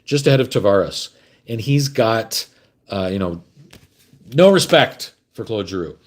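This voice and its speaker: A man's voice: lowish voice, animated, a little slow. Canadian dude rambling on a home livestream, chatty, messing with his camera. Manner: rambling, chatty, fumbles with gear. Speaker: host. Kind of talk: casual livestream chat.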